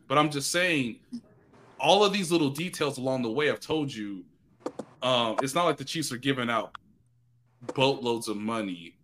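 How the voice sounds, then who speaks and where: A man talking as a sports reporter guest in a casual podcast chat, animated and excitable, jumping up in pitch for emphasis. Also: slight background noise.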